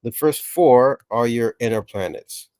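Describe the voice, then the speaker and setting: A man's voice: medium pitch, unhurried, a little mellow, no room sound. A man explaining a science reference table as a teacher, talking casually and often checking in with "okay" and "right". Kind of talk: explainer lesson narration.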